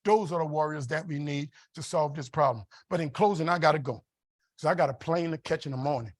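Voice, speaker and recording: A man with a notably high voice delivers an after-dinner keynote at a conference, emphatic and preacherly as he tells his stories. The sound is dry and close, with no room echo. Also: a little fast. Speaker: keynote speaker. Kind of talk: motivational after-dinner speech.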